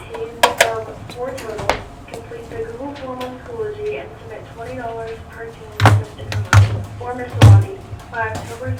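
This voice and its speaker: Female school announcer heard over the intercom, upbeat scripted reading, distant and roomy. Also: fairly high pitch. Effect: school intercom loudspeaker. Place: classroom, heard through intercom speaker. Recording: echoey distant noisy classroom loudspeaker.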